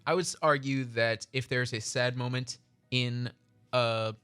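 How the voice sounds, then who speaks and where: A man's voice: mid-range voice, fairly even intonation, a little slow, fairly bright tone, clean tone, soft background music. A man co-hosting a podcast in casual chat, rambling and correcting himself as he goes. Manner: rambling, restarts, self-correcting. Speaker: podcast co-host.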